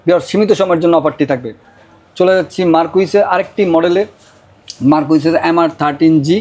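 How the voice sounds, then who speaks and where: A man with a Bangladeshi accent delivering an insistent hard-sell shop pitch, repeating prices and offers. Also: fast, darkish tone. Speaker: router seller presenting deals.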